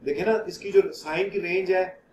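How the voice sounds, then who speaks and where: A man lecturing a math class, explaining each step patiently and stopping to ask if the students follow. His voice sits high. The recording has a roomy echo and a faint hiss behind it. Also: fairly even intonation, normal speed. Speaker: math teacher.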